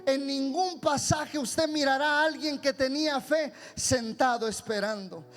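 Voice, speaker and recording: High-voiced, fervent male pastor preaching. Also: unhurried, soft background music. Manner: fervent preaching, swinging from hushed to shouting; repeats words and restarts often. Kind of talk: sermon.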